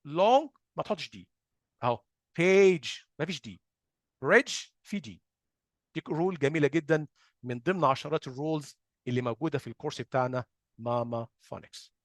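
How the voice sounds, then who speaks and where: A man's voice: on the high side, lively intonation, dry recording, clean studio sound. Egyptian man teaching phonics, questioning. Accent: Egyptian Arabic. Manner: poses questions and answers them himself; drawn-out sound demonstrations. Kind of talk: explanatory lesson.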